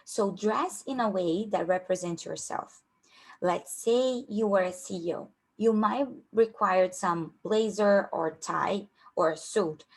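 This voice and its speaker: Speaking slowly in a gravelly, mid-range voice, a young Brazilian woman coaches a workshop in a relaxed, informal way. She is a career coach, a native Portuguese speaker with a Brazilian Portuguese accent, and she uses many fillers and often starts over.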